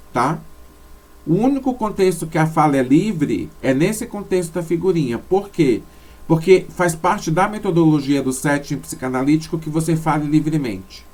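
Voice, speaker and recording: Fairly high-voiced man teaching over slides. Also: a little mellow. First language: Portuguese. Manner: explanatory, with frequent tag questions and self-corrections. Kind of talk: spoken lecture over slides.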